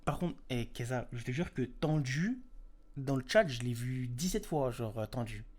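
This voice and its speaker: A man's voice: mid-range voice, animated, normal speed, darkish tone. A young man, co-hosting a livestream and teasing his friend in casual slang. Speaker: stream co-host. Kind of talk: casual chat reacting to an album.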